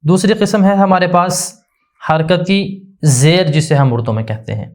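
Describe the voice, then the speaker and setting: A man giving a religious grammar lesson, slowly explaining and drilling each point by asking a question and answering it himself. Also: high voice, darkish tone. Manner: slow, deliberate, repetitive explanation. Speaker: religious teacher.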